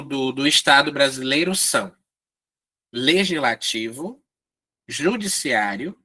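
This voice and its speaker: Bright-voiced teacher checking in often. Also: male voice, medium pitch. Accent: Brazilian Portuguese. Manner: explains step by step with frequent "tá?" check-ins. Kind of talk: online writing workshop lesson.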